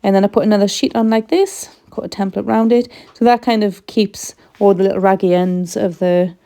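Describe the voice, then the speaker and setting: A middle-aged woman talking through a craft tutorial in a casual voice-over, chatty and rambling with many ums, her voice going a little hoarse. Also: medium pitch, steady tone, a little fast, dark tone. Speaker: craft vlogger.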